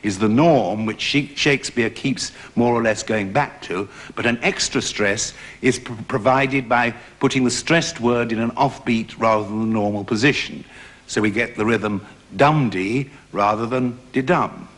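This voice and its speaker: A man directing actors and explaining verse rhythm in a measured, precise way, sometimes tapping out beats. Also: medium pitch, fairly bright tone. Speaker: director teaching verse speaking.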